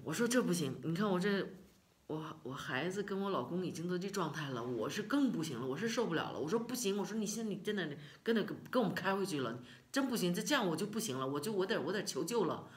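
A middle-aged woman from China recounts a personal story in a casual vlog. Her voice sits low, but her intonation swings widely, and she talks expressively, full of sighs and repetitions. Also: expressive, fast. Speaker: vlogger.

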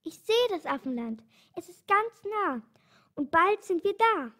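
Little storybook monkey, read by a woman, high, bright call. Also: big pitch swings, unhurried, heavily acted. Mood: excited. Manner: calling out brightly. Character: nimble little monkey up a tree.

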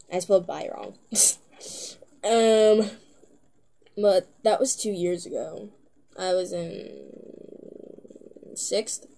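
A young teenage girl with a mid-range voice chats casually to her camera in a loose, rambling vlog full of filler words and giggles. She speaks slowly in an unhurried drawl, her tone soft and mellow rather than bright.

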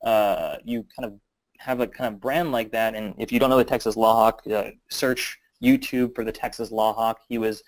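A man's voice: fairly low pitch, steady tone, moderate pace, rough recording. A man answering audience questions in a webinar, talking loosely with many fillers and restarts. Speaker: guest marketing expert.

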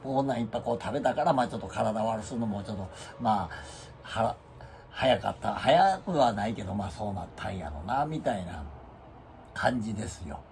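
A man's voice: on the low side, fairly quick, a little hiss or hum. A man with a Kansai accent hosting his own channel, chatting casually and acting out the quoted lines in his stories. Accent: Kansai Japanese. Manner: animated storyteller who acts out quoted lines. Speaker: channel host. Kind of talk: casual monologue about his pets.

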